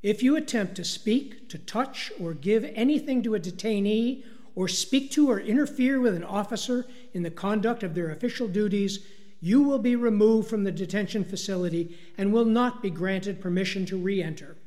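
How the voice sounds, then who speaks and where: A man's voice: high voice, normal speed, a little mellow, in a large hall. A man giving scripted narration and formal, commanding announcements.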